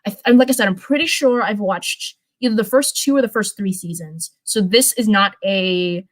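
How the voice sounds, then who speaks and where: Reading fan fiction on a laid-back livestream, this young host keeps wandering into informal chatter and frequently goes back to fix what she just said. She speaks at a medium pitch and moderate pace, and the recording is rough.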